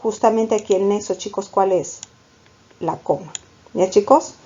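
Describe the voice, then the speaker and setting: A Peruvian Spanish-accented language teacher with a mellow, husky, mid-range voice gives a grammar lecture a little slowly, and the recording sounds muffled. She calls her students "chicos" and asks questions that she then answers herself.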